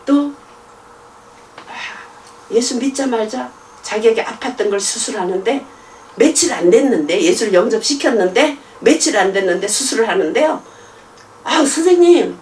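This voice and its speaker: A middle-aged woman whose voice is a little high tells stories as part of a sermon, acting out each side of the conversations with different voices. She laughs often and keeps her delivery lively. The sound is distant and echoey, with slight background noise.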